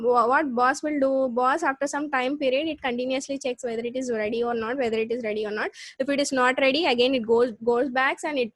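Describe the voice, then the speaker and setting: A woman with a South Indian accent teaching a live online class, explaining step by step with repeats and halting restarts. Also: high voice, no room sound. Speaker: computer science lecturer. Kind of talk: live online lesson with check questions.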